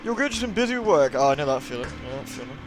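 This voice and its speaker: The voice here is a British man's, medium in pitch, with big swings and a rapid-fire delivery. As livestream host, he chats warmly and casually, greeting viewers and answering their comments while moody music plays.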